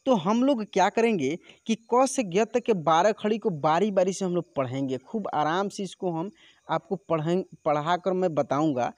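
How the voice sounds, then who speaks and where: A man teaching a lesson, patiently explaining and then reciting syllables one by one, saying one softly and the next with force. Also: high voice, moderate pace, dry recording. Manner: patient, repeats syllables with alternating soft and forceful stress.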